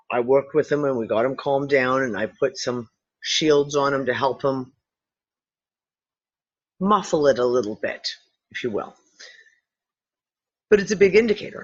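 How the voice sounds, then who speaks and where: A host chatting casually on a livestream, rambling and swearing as she tells animated stories. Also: extremely low pitch, slightly rough, dull audio. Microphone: computer mic on a video call.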